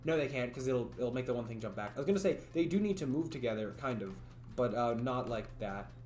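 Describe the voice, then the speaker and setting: On a laid-back coding livestream, a man muses out loud, wanders off topic, banters with his audience and laughs often. His medium-pitched voice is expressive, brisk and a bit mellow, though growing raspy after hours of talking. The room echoes and soft music plays behind him.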